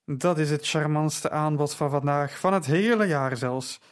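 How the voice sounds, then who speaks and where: A man's voice: on the high side, unhurried, smooth, close to an everyday voice. A man voicing a drunk, pompous male stage actor who slurs his words and speaks in grand, formal phrases. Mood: tipsy, grandiose.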